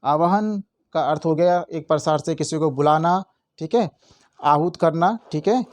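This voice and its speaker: A young man with a fairly high voice, explaining quiz answers like an exam-prep tutor. He repeats points and keeps checking in with his listeners. His voice is close and dry, with no room sound. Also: measured pace, no echo. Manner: repetitive, checks in often with "theek hai".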